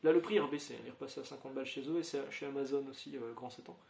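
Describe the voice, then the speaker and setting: A man's voice: medium pitch, very fast, gravelly, a little mellow. Chatty man in an echoey room. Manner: rambling, chatty, many fillers and restarts. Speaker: channel host. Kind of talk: casual chat to viewers.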